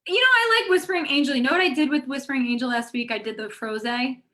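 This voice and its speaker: A woman's voice: high voice, fast, pushed and bright. A woman chatting as a guest on a video call, bubbly and full of "like" and laughs. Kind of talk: casual chat.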